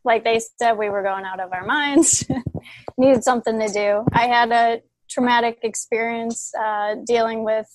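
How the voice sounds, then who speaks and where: Thoughtful female co-writer on a video call, slightly high voice. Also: steady tone, a little slow, dry recording, rough recording. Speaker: co-writer and producer. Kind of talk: interview answer.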